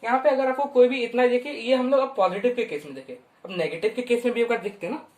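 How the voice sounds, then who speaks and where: A woman teaching a maths lesson at a whiteboard in a chatty way, drawing out long strings of digits slowly and checking in with her students often. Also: fairly high pitch, a little mellow. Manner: chatty, keeps checking in with "ठीक है" and "हाँ"; slows right down to spell out long strings of digits. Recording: roomy, voice from some distance.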